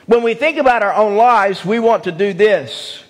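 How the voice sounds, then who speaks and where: High-voiced pastor in a reverberant church. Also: male voice, normal speed. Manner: emphatic, repeats key phrases, asks the congregation questions. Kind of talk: evening sermon. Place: church sanctuary.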